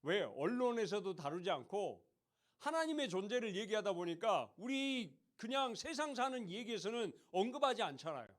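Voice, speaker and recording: A man's voice: sits high, sing-song, moderate pace. A man giving a sermon to teenagers in a church hall, speaking conversationally, often asking the listeners questions and acting out mocking voices. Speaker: youth pastor.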